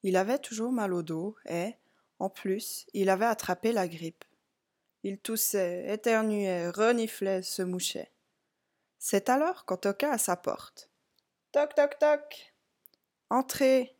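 A woman reading a children's picture book aloud, in a calm, clear storytelling voice. She speaks slowly and gently to a young listener, pitched at an ordinary middle level for a woman. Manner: slow, clear, addressing a child. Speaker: storybook reader.

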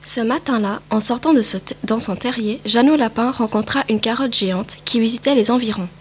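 A woman's voice: a little high, a little fast, a little hiss or hum. A woman narrating a picture book aloud, reading carefully with small slips. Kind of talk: storybook read-aloud.

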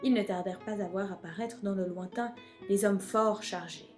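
A woman reading a children's storybook aloud in an expressive, measured way. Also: mid-range voice, soft background music.

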